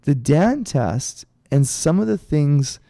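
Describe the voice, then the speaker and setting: A man's voice: on the high side, sing-song, takes it slowly, creaky, warm tone, no echo, studio quality. Rambling middle-aged male podcast co-host. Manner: rambling storytelling with restarts. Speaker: podcast co-host, karate instructor. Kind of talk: casual chat.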